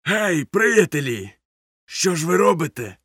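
A man voicing a crafty, long-legged male ship's cook who hails the crew with loud, drawn-out shouts. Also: a little high, very animated, slightly rough, dry recording, clean studio sound, voice pushed up, exaggerated voice. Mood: hearty.

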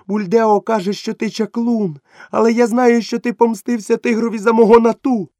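A man's voice: extremely high pitch, steady tone, moderate pace, mellow, no echo, voice pushed up. A man voicing a fearful, tender village mother who pleads with her son. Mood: pleading. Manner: pleading, rising.

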